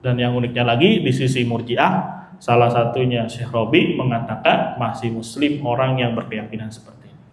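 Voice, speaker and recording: A man's voice: mid-range voice, steady tone, normal speed, echoey room, a little hiss or hum. A man giving an Islamic study lecture. He asks his audience questions and answers them himself, with chatty, joking asides. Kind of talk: religious lecture.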